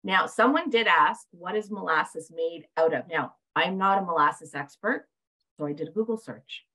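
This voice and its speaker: A woman's voice: on the low side, expressive, moderate pace, sharp tone, low-quality recording. A woman moderating a webinar over a video call, reading viewer questions in a bubbly, chatty way. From Canada. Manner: bubbly, fillers and restarts. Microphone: video call webcam.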